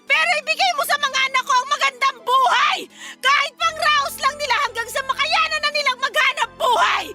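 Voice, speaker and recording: A woman's voice: sits high, moderate pace, faint music behind. A woman playing a desperate mother who works as an assistant, speaking meekly and apologetically in a radio drama. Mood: sobbing fury. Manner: meek and apologetic, then crying and shouting.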